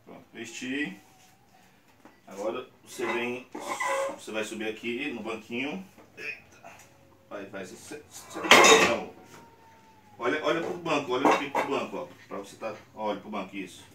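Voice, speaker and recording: A man's voice: mid-range voice, moderate pace, pauses often. A man in his thirties with a Brazilian Portuguese accent, patiently demonstrating screen printing in a small workshop and explaining each step. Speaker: screen printing channel host. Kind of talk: casual how-to demonstration. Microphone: camera on a tripod a few meters away. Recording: roomy, distant camera mic with faint noise.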